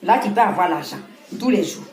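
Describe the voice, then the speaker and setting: A woman with an Ivorian French accent, talking casually and scolding with animated laughs. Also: lowish voice, a little fast, echoey room. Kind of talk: casual monologue to camera.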